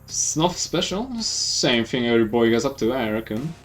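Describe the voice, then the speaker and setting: A man's voice: mid-range voice, animated, moderate pace, fairly bright tone, far from the mic, soft background music, voice pushed down, close to an everyday voice. A man voicing a cheeky young country boy who talks in a folksy, boastful drawl. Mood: stubborn.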